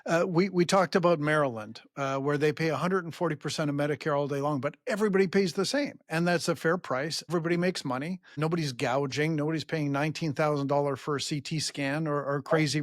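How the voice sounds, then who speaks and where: A man's voice: a little high, no echo, clean studio sound. A man hosting a podcast, agreeable and chiming in readily while his guest talks. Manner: agreeable, quick to chime in. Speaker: podcast host. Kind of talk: casual interview talk.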